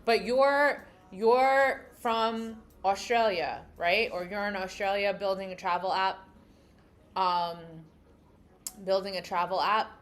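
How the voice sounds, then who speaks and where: A young adult livestream host from New York City, with a New York accent, chats casually with viewers and thinks aloud while reading their comments. Her voice is medium-pitched and slow.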